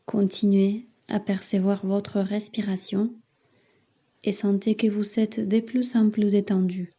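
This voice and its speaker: A woman leading a guided meditation as a yoga teacher speaks in a mid-range voice, level and warm with a breathy edge. Her instructions are soothing and measured, with long pauses, on a slightly muffled recording.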